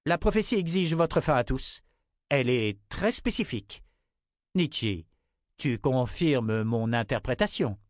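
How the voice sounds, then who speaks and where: A man reading an audiobook, voicing a cold, composed woman who rules as mother confessor, in a raised, measured voice. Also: medium pitch, lively intonation, dry recording, clean studio sound, pitched above the performer's own voice, close to an everyday voice. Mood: coldly calm. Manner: icy, unshakably composed.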